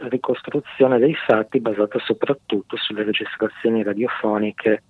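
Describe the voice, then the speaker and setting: A man's voice: on the low side, steady tone, normal speed, husky, no room sound. A man speaking as a guest on a radio show over a landline phone, hesitant with many filler sounds. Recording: tinny dry phone line.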